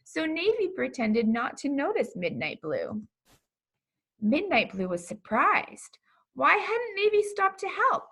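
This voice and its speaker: A pastor, a woman with a high voice, reads a children's book aloud, telling the story in an expressive, deliberate way.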